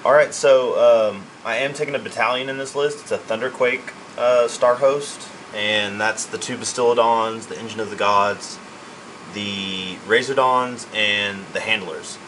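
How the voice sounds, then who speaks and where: A man's voice: lowish voice, steady tone, a little slow, fairly bright tone, slight background noise, rough recording. A man casually listing the units in his tabletop army, informal and correcting himself as he goes. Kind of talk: casual list rundown.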